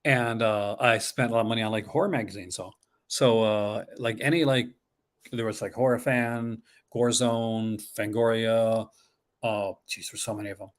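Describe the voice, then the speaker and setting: A man with a Newfoundland Canadian accent hosting a casual horror collecting chat in an excitable, rambling, chuckle-prone way. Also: lowish voice, moderate pace. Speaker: horror movie collecting channel host.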